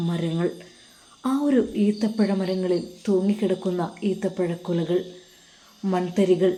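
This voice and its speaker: Mellow woman reading a story. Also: mid-range voice. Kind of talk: scripted story narration.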